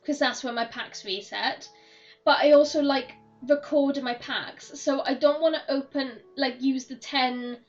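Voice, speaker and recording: A woman streaming a game, chatting in a rambling way with frequent laughs while her voice is hoarse and croaky. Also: high-pitched, steady tone, measured pace, faint music behind. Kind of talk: casual chat while gaming. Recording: dull, slightly distant mic.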